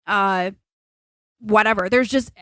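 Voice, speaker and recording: A woman's voice: medium pitch, takes it slowly, fairly bright tone, dry recording, poor audio. A young woman co-hosting a podcast, talking in a casual, opinionated and rambling way, pressing her points with emphasis. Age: young adult. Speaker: podcast co-host. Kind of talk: casual chat.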